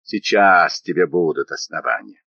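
A man's voice: low voice, normal speed, creaky, sharp tone, no echo, highs cut off, pitched below the performer's own voice, full character voice. A man voicing a coarse, brutal male Red Army squad leader who barks orders and mocks his captive. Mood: sneering. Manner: barking, menacing, mocking.

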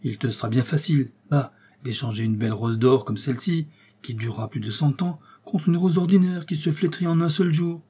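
A rich old king turned fond father, soothing and slow, his voice dark and a little husky, as the narrator plays him. He coaxes more than commands. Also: mid-range voice, natural voice. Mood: coaxing. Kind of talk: storybook reading.

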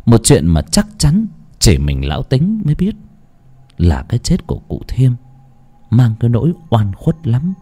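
A man narrating a ghost story dramatically, with an expressive, swooping delivery. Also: medium pitch, unhurried, slightly rough.

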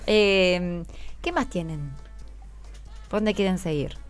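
A woman with an Argentine accent hosts an unscripted radio interview with schoolchildren, encouraging them and prompting with short questions. Her voice is fairly low and slow, with faint music in the background.

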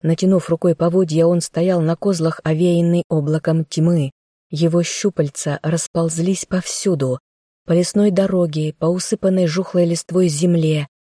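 A woman's voice: sits low, mellow, no room sound, studio quality. A woman narrating a fantasy novel in the first person, reading an audiobook.

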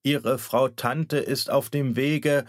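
A man voicing a solemn, hesitant family doctor who speaks slowly and haltingly. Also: on the low side, dry recording, clean studio sound. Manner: slow, grave, halting.

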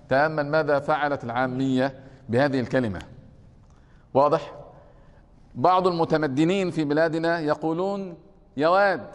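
An Egyptian man teaches a classical Arabic grammar lesson, his voice sitting a little high for a man. He keeps checking on his students with quick questions as he works through each point. The sound carries the long reverb of a lecture hall.

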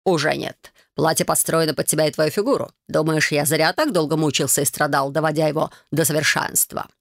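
An audiobook reader voicing a smug, greedy young male fashion genius, speaking slowly and drawing out the words. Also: mid-range voice, steady tone, creaky, a bit bright, dry recording, clean studio sound.

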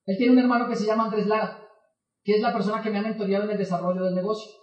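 A man's voice: sits high, racing. A middle-aged man giving a motivational talk to an audience, telling a story and acting out both sides of each conversation. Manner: animated, acts out both sides of dialogues. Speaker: motivational speaker. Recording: echoey hall, distant, dull sound.

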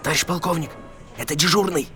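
A man's voice: on the high side, fast, music in the background, lightly acted. A man playing an uneasy, obedient police duty officer reporting deferentially in an audio drama.

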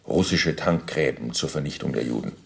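In a German radio play, a male actor with a bass voice and vocal fry gives a testimony monologue as a middle-aged Nazi bureaucrat under interrogation. He sounds formal, halting and self-justifying, leaving deliberate pauses.

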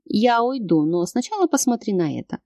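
A woman's voice: mid-range voice, sing-song, brisk, warm tone, dry recording, studio quality. A woman reading an audiobook, voicing a scheming wife with a sing-song, mocking manner.

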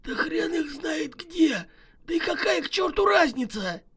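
A man voicing a hoarse, hissing, excitable male criminal in a horror story, full of coarse slang. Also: very high voice, a little slow, pitched above the performer's own voice, exaggerated voice. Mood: rowdy. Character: wheezy jittery male criminal on the run.

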